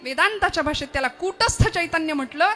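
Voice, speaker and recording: A woman's voice: sits high, expressive, fast talker. A woman preacher giving a devotional sermon, telling stories expressively and breaking into chanted and sung verses. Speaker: kirtan preacher.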